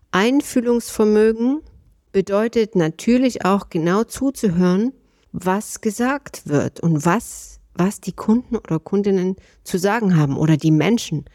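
A woman's voice: medium pitch, warm tone, dry recording, studio quality. A woman hosting a solo podcast, talking in a thoughtful, conversational way with many small fillers and speech. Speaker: podcast host.

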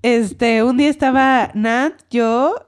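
A woman's voice: a little high, slow pace, clear, resonant tone. A young Mexican woman in her twenties, co-hosting a casual chat and telling a story with acted-out quotes. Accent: Mexican Spanish. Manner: animated storyteller, acts out quotes. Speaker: podcast co-host.

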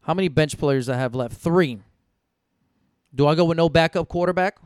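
A young man talks through his fantasy football draft out loud, swearing freely and going back and forth with himself. His voice sits a bit high for a man and sounds smooth and clean. The mic is close and dry, with no room sound. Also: moderate pace, no echo. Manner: thinking aloud, swearing, talking himself in and out of picks. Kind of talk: casual live draft commentary.

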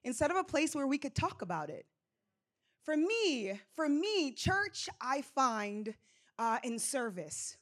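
A woman's voice: sits high, sing-song, takes it slowly, a bit bright. Young Jamaican-born woman giving church testimony. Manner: conversational, rocking back and forth, frequent fillers. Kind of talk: sermon testimony. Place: church service.

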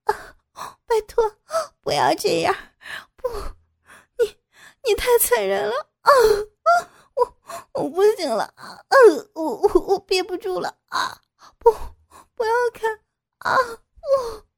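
A woman voicing a frightened captive teacher who stammers out high, tearful pleas. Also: sing-song, takes it slowly, vocal fry, pauses often, heavily acted. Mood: pleading, tearful.

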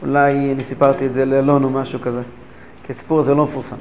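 A man teaching a religious lesson who tells stories with animated, repeated phrases for emphasis. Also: mid-range voice, muffled recording, slight background noise. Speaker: rabbi teacher. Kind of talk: lesson storytelling.

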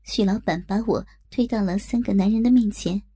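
A woman's voice: medium pitch, fairly quick, dark tone, breathy edge. A woman narrating a first-person adult story in a coy, teasing manner.

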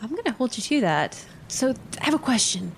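A woman's voice: a little high, big pitch swings, brisk, gravelly, slight background noise. A woman playing in a tabletop game, giggly and hesitant as she talks in character. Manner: giggly and hesitant, many fillers. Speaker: player. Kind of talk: casual tabletop role-play.

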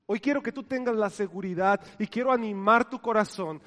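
A man preaching a sermon as pastor, dropping to soft near-whispers and swelling loud again, asking his congregation questions and having them repeat words. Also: high voice, a little fast, in a large hall.

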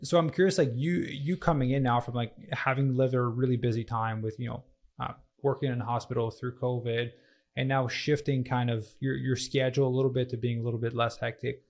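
A man's voice: mid-range voice, fairly even intonation, darkish tone. A man hosting a fitness podcast, chatting casually and asking his guest questions. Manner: fast, rambling, fillers and restarts. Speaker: podcast host, fitness coach. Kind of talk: casual interview chat.

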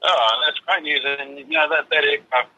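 A man's voice: on the high side, fairly even intonation, moderate pace, sharp tone. A tired man calling in by phone, heard over the phone speaker, chatting casually as a correspondent. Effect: phone speaker, heard over a call on speakerphone. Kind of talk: casual chat. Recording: tinny phone line on speakerphone.

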